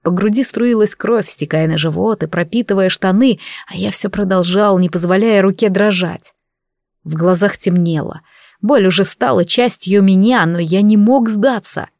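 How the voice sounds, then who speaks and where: A woman's voice: mid-range voice, normal speed, a little mellow, dry recording, clean studio sound. Woman narrating a fantasy audiobook. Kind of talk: first-person audiobook narration.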